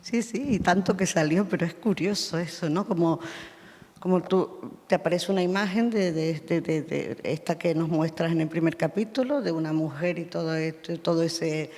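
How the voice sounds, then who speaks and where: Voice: mid-range voice, normal speed, a little mellow, long reverb tail. An interviewer asking questions at a live talk, repeating words while forming them.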